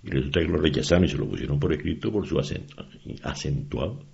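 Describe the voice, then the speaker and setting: An older man talks in a very deep, gravelly voice. He is an animated storyteller who acts out the people he quotes, and the recording sounds dull and lo-fi. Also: fast. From Canary Islands. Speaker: interviewee. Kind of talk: conversational interview.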